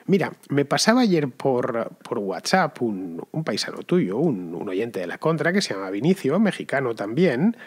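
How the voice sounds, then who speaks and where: A man with a Spanish accent hosts a commentary show and answers listeners. His voice is slightly husky and very lively in pitch. He talks loosely and often circles back to restart a thought. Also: moderate pace, hardly any pauses. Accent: Spanish (Spain). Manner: conversational, wandering, frequent restarts. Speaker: podcast host.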